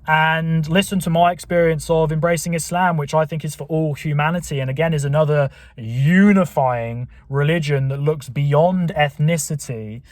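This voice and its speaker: The slightly high, darkish voice of a Buckinghamshire man with a southern English accent comes through dry on a camera mic. As a channel host, he rambles casually to camera from his car, stopping and restarting often and using lots of fillers.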